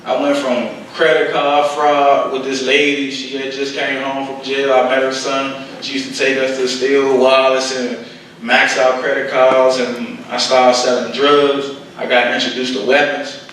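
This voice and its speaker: A man's medium-pitched, fairly bright voice stays completely flat and measured as he addresses a conference audience in his Washington DC accent. His plain, colloquial storytelling mixes a poem recital with personal testimony, delivered as a guest poet and speaker. Captured from a distance in a very echoey room, the audio carries faint noise.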